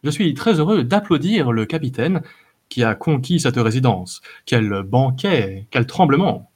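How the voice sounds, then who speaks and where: A man's voice: medium pitch, lively intonation, measured pace, darkish tone, slightly rough. A man voicing a courteous, fussy wandering minstrel with a flowery, prim manner in a read-aloud story. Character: dainty, polite wandering male minstrel, fussy. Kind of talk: audiobook character voice.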